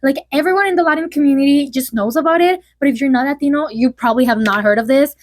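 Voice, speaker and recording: Young adult woman, slightly high voice, casual gossipy vlog delivery full of fillers. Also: fast talker, darkish tone. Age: early 20s. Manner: chatty, filler-heavy, lots of "like". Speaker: vlogger.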